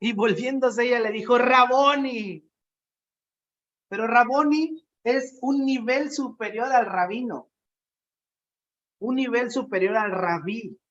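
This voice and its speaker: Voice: medium pitch, unhurried, highs cut off. A preacher giving a conversational sermon, asking the congregation questions and acting out quotes.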